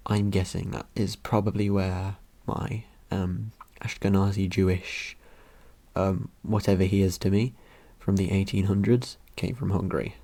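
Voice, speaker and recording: Rambling young man, mellow low voice. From Britain. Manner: rambling, jokey, many ums and uhs. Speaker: vlogger. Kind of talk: casual commentary over results.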